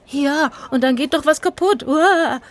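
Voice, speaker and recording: A woman doing an excitable young Rufus. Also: high voice, unhurried, pitched above the performer's own voice. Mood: excited.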